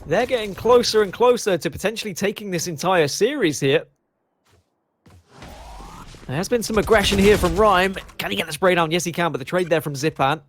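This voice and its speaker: A man with a fairly high voice calls the action of an esports match, quick and excited, trading jokes with his partner between plays. He talks into a headset mic, with a faint hiss of noise underneath. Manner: animated, jokey banter. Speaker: esports commentator. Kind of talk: play-by-play commentary.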